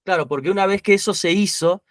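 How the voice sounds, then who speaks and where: A man's voice: high-pitched, quick pace, no room sound, clean studio sound. A man hosting a philosophical conversation, musing aloud and often agreeing briefly. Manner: agreeable, musing, frequent short assents.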